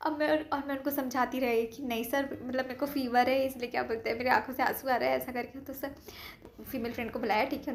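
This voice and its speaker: Young woman, high voice, rapid chatty storytelling, faint room ambience. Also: a little hiss or hum. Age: young adult. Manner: animated, quotes others in lively acted voices. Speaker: medical student. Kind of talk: casual storytelling vlog.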